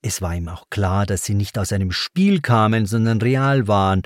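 A man reading a novel aloud as narrator, in a measured and dramatic storytelling voice. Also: on the low side, animated, no echo, clean studio sound. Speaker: audiobook narrator. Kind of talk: scripted narration.

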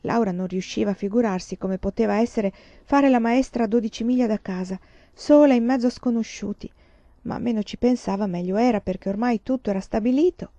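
A woman reading a novel aloud in a calm, measured storytelling manner. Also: on the high side, no room sound, lo-fi sound. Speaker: audiobook reader.

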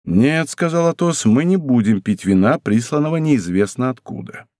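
A man voicing a stern, composed musketeer who speaks in a low, measured way. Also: expressive, a little mellow, dry recording, clean studio sound, close to an everyday voice. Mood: grave. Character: grave older male musketeer, stern and composed.

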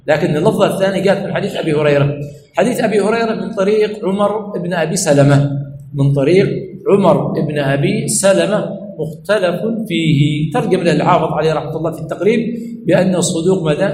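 A man's voice: high-pitched, darkish tone. A man giving an Islamic lesson, repeating key words and asking "what?" before each answer. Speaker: religious teacher. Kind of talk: Islamic lesson, call-and-response questioning. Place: teaching center hall. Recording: echoey hall with faint background noise.

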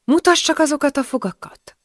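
A woman's voice: fairly low pitch, expressive, no echo, studio quality. A woman reading the part of a blunt 18th-century male healer who questions his patients curtly. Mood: brusque. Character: brusque man, an 18th-century village healer.

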